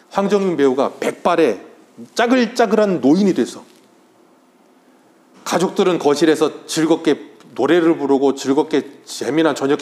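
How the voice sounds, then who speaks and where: Man preaching with emotional swings. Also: fairly high pitch. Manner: emotional storytelling, swinging from loud to hushed; acts out quoted voices softly. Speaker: pastor. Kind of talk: Sunday morning sermon. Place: church sanctuary during worship.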